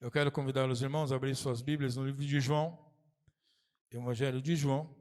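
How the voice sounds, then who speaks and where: A pastor preaching a lively sermon, acting out little dialogues as he goes. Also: medium pitch, brisk. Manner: animated preaching with acted-out quotes. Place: church sanctuary. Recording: long church reverb.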